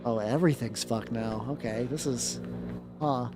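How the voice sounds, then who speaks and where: A woman giving excitable, sweary live commentary as she streams a game. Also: very deep voice, moderate pace, heavy background noise.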